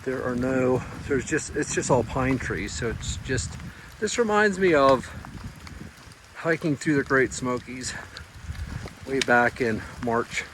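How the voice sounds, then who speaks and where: A man's voice: mid-range voice, fairly even intonation, measured pace. A man talking casually to his camera as he hikes, in an understated, musing and informal way. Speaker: hiker filming a trail vlog. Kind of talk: casual outdoor vlog narration. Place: outdoors on a mountain trail in wet, windy weather. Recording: noisy outdoor recording with wind and rain.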